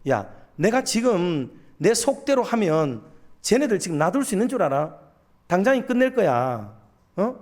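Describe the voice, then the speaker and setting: A man's voice: high voice, darkish tone. A male pastor acting out God speaking to a prophet, scolding at times and reassuring at others, with pointed rhetorical questions. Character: God, stern and then tender fatherly male deity.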